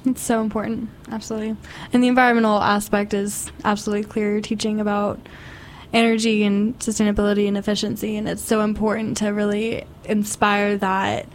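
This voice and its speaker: A woman's voice: mid-range voice, little pitch movement, brisk, a little hiss or hum. A woman hosting a campus radio show, interviewing a guest and reading announcements in an upbeat way.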